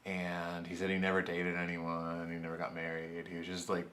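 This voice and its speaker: A young man with a very low voice tells a story on a casual podcast. He rambles, laughs easily and lets his sentences trail off. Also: monotone, moderate pace, fairly bright tone. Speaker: podcast co-host.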